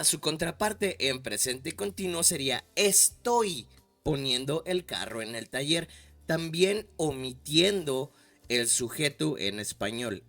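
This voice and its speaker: A man's voice: a little high, fairly bright tone, dry recording. A man teaching an English grammar lesson, patient and encouraging, often checking in with "ok?". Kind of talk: slow explanatory lesson for Spanish speakers. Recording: dry voice with faint background music.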